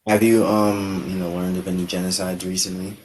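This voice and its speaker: A man interviewing over a video call with a bad internet connection, halting and filling pauses with "you know". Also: deep voice, flat delivery, a little mellow, breathy edge. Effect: choppy bad internet connection. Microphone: computer or phone on a video call. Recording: distant, choppy internet call audio.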